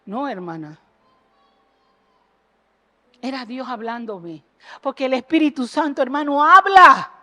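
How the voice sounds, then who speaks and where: A woman preaching an impassioned sermon in a church, jumping between loud exhortation and low earnest asides and firing rhetorical questions at the congregation. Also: unhurried, long pauses. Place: church sanctuary.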